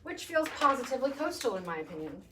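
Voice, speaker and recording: A woman's voice: a little high, very animated, fast. Chatty woman hosting a painting demo. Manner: chatty, reads viewer comments aloud. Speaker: furniture painting host. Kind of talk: casual live demo chat. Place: paint room. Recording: distant mic with background noise.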